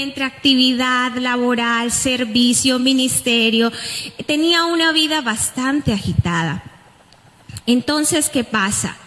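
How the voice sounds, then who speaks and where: A woman with a Colombian accent giving an earnest, heartfelt testimony from a church altar. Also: sits high. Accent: Colombian Spanish. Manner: earnest, heartfelt, with lively emphasis. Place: church sanctuary. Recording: long church hall reverb.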